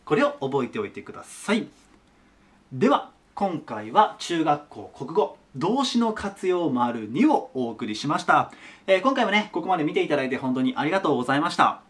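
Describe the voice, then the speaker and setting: A man teaching a grammar lesson at a whiteboard, chatty and animated, talking to viewers as his students. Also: fairly high pitch, moderate pace.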